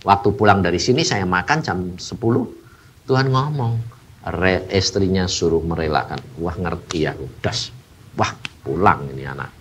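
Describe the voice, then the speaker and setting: A man preaching a sermon and telling a personal story, moving between hushed and loud passages and acting out the people in it. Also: low-pitched, normal speed, a little hiss or hum. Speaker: evangelist preacher.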